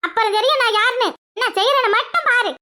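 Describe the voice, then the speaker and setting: Woman voicing a fast, bright-voiced nagging cartoon mom, southern Tamil village accent. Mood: panicked. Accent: southern Tamil Nadu village Tamil. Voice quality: shrill, fast, exclaiming. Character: scolding village mother, loud and quick-tempered. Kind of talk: cartoon voice acting.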